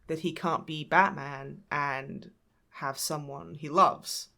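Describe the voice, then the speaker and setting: Sweary, animated woman podcast host. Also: low voice, takes it slowly, creaky. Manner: animated, sweary, emotional recapping. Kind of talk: casual chat.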